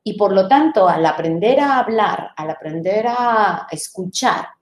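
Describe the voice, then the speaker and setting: A woman teacher trainer giving a live online lecture, explaining patiently, sounding out syllables slowly and checking in with her listeners. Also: mid-range voice, lively intonation, echoey room.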